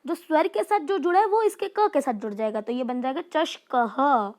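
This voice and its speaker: A woman's voice: high voice, normal speed, darkish tone. A woman teaching a lesson. She carefully spells out words one at a time, then explains each step in a chatty teacher's way. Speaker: Sanskrit teacher. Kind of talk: classroom lesson explaining exercises.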